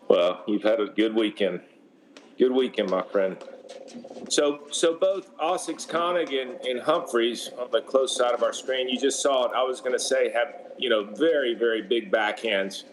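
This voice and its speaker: A man adding color commentary to a paddle match, his voice sitting at an ordinary middle pitch. He talks in a loose, conversational way, often circling back and restarting his phrases. A faint hum of outdoor noise runs underneath. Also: normal speed. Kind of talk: sports commentary.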